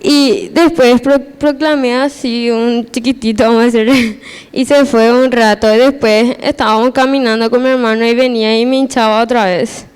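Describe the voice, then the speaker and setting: A woman's voice: a little high, fairly even intonation, moderate pace, a little mellow, clean tone. A teenage girl giving a personal church testimony, hesitant and repeating her words as she restarts.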